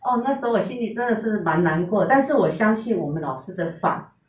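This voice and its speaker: A woman's voice: mid-range voice, lively intonation, brisk. Earnest woman, distant and roomy. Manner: earnest, recounting with quoted dialogue. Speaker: testimonial speaker. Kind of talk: personal testimony, storytelling. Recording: roomy, distant, dull recording.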